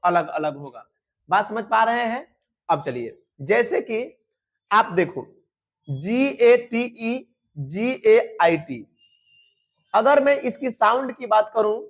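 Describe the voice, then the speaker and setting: High-voiced man teaching grammar. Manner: repeats questions to students and answers them himself. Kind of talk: exam-prep grammar lesson. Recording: dull lo-fi sound.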